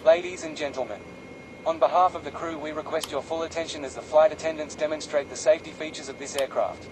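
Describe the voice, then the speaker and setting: A man reading scripted cabin safety announcements as a flight attendant, formal and measured. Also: on the high side, fairly even intonation, noisy background.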